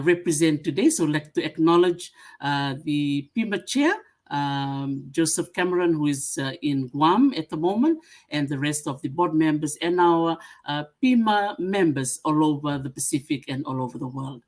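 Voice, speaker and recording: A middle-aged woman from Fiji giving a webinar presentation, pausing often with "uh" as she lists her points. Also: sits low, expressive. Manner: many "uh" fillers, warm greetings, listing points. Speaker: museum association secretary-general speaker.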